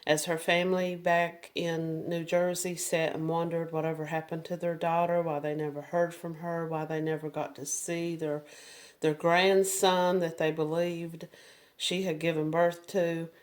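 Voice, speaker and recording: A woman's voice: low voice, little pitch movement, unhurried. A woman hosting a true crime podcast, telling the story in a casual, conversational way with restarts and filler words.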